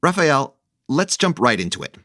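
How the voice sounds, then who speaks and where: A man hosting an economics podcast, introducing the topic and his guest in a clear, measured, emphatic way. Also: medium pitch, very animated, sharp tone, no echo, clean studio sound, soft background music. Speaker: podcast host. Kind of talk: scripted podcast narration and interviewing.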